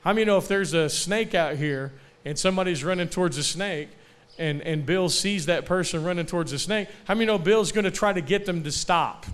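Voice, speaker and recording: A young man delivers a sermon at a camp meeting, his voice a touch high and smooth, even resonant. He keeps calling for amens and asking the crowd questions, and he slows down to press home the lines that matter most. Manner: call-and-response, asking for amens; slows down to stress key phrases. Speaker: preacher.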